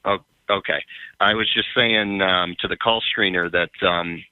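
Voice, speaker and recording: A man speaks over a phone line as a radio caller, his voice very low and thin with a tinny phone-line sound. The sound is dry. He talks haltingly, with many pauses and fillers. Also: fairly even intonation, no room sound. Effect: heard over a phone line. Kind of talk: call-in conversation. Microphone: phone held by the caller.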